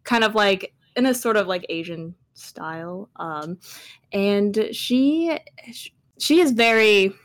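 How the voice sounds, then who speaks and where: A woman's voice: mid-range voice, lively intonation, slow. A woman on a video call whose audio keeps cutting out, with uneven volume, hesitantly introducing her character in a casual tabletop game chat. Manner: hesitant, trailing off with fillers.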